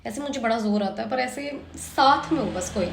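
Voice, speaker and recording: A chatty young Indian woman with a high, bright voice, reacting to a drama in easy Hindi with lots of teasing asides. She is recorded in an echoey room with a faint hiss underneath. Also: normal speed, vocal fry. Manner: chatty, giggly, teasing the characters. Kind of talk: casual reaction commentary.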